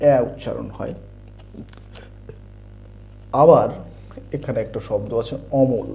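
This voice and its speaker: A man teaching English letter sounds, spelling words out and repeating the sounds slowly. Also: medium pitch, vocal fry. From India. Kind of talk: slow explanatory lesson. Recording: dull lo-fi home recording.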